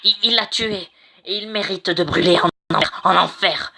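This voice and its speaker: Game read-along: a man playing a furious ranting witness, high, bright tone. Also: fairly even intonation, a little fast. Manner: indignant, ranting. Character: angry shouting male murder witness. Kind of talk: amateur game voice-over.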